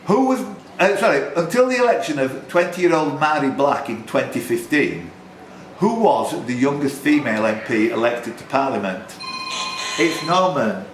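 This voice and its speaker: Reading quiz questions to a pub crowd, this man keeps up a chatty, teasing banter with the contestants. His mid-range voice is animated and moves at normal speed, captured in a roomy, noisy indoor recording.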